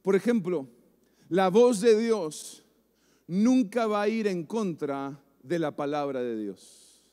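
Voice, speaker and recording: Guy preaching a sermon, really high voice, slow and punchy, repeats lines then yells, big echoey hall. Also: animated. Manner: emphatic, repeats phrases, builds to shouts. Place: church service before a congregation. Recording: long reverb of a large hall.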